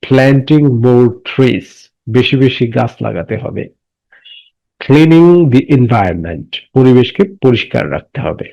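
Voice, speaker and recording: A man teaching a class. He asks questions and answers them himself, and reads English sentences slowly and deliberately. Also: medium pitch, expressive, creaky. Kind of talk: classroom lesson explaining English words in Bengali. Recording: dull lo-fi recording.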